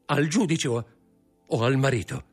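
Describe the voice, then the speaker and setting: A man's voice: medium pitch, huge pitch swings, takes it slowly, slightly rough, soft background music, pitched above the performer's own voice, heavily acted. A man reading an audiobook, voicing a frightened young wife who stammers and pleads. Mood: terrified pleading.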